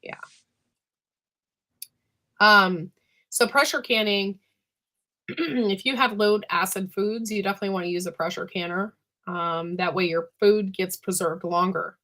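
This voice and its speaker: A woman with a hoarse, smoker-like rasp and a voice that is giving out, chatting casually as host of a livestream and often clearing her throat. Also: medium pitch, steady tone, measured pace, long pauses, bright, forceful tone. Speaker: host of a live canning chat.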